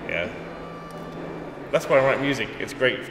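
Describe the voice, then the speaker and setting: With a mid-range voice and an animated delivery at moderate pace, an English-accented composer is interviewed casually, often restarting sentences in a thoughtful, self-deprecating way. The setting is an echoey gallery hall with music behind and some background noise.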